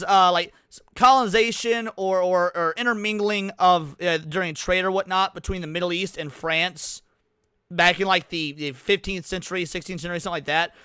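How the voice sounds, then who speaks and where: A man's voice: sits high, sharp tone, smooth, dry recording, clean studio sound. A man hosting a live reaction stream, talking bluntly and casually with swearing, fillers and restarts. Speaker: livestream host.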